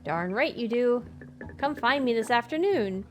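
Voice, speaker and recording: A woman reading the lines of a brisk, busy worker who talks in a curt, no-nonsense way. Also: on the high side, expressive, faint music behind.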